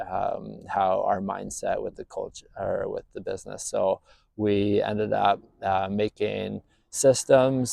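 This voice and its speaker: A man's voice: on the low side, creaky, warm tone, no echo. A man in his thirties from Northern Ireland telling his story as a business owner, plain-spoken with lots of fillers. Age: 30s. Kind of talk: casual personal story to camera.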